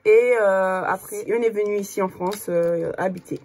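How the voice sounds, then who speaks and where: A woman's voice: medium pitch, steady tone, normal speed, a little mellow. A woman in her thirties with a Cape Verdean Portuguese accent, chatting casually to the camera as a vlogger, with lots of fillers. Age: 30s. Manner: chatty, many fillers, distracted by her child.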